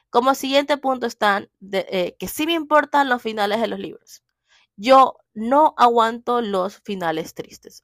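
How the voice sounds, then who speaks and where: A young woman talking casually about what she loves and hates in books. She is emphatic and animated and hammers her points home with repeats. Her voice is mid-pitched and recorded close in a dry room. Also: no room sound. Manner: emphatic, animated, keeps repeating "así de simple". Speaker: book vlogger. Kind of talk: casual opinionated chat.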